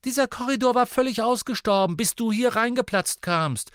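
A man voicing a fiery, furious teenage witch girl who shouts cutting taunts at her brother in an audiobook reading. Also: very high voice, moderate pace, no room sound, clean studio sound, voice pushed up. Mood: indignant.

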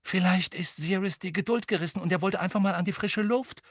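A man's voice: high-pitched, moderate pace, dry recording, clean studio sound, voice pushed up. A man voicing an uneasy teenage boy who speaks in a subdued, hesitant way.

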